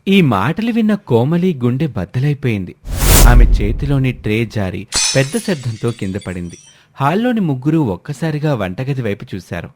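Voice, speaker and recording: A man narrating a family drama story in a steady, dramatic way. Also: mid-range voice, normal speed, a little hiss or hum.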